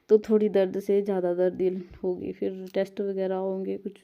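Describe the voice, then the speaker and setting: A woman's voice: medium pitch, little pitch movement, moderate pace, gravelly, dark tone, clear, resonant tone, lo-fi sound. A young woman from Himachal, rambling chattily through a casual vlog voice-over. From Himachal Pradesh, India. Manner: rambling, chatty, self-correcting. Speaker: vlogger. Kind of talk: casual voice-over narration while editing.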